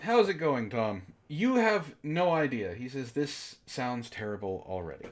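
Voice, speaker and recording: A man with a mid-range voice hosts a comic book club, reading fan fiction aloud at a measured pace and breaking off with very animated, exasperated and incredulous commentary that mocks the story.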